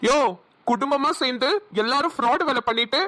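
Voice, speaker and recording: Cartoon heavy: a menacing male cop, Namakkal Tamil accent, bright and high. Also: brisk. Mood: contemptuous. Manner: scornful, threatening. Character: arrogant young male police groom, menacing. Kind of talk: cartoon voice acting.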